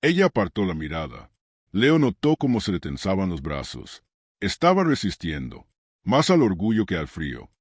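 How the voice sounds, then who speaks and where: Deep-voiced male story narrator. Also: huge pitch swings, husky, no echo, clean studio sound. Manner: measured, dramatic pauses.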